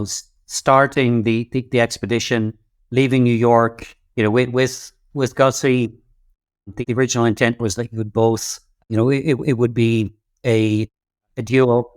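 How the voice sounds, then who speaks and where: A man interviewing in a conversational way, haltingly repeating words as he forms his questions. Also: mid-range voice, clean tone, dry recording, studio quality.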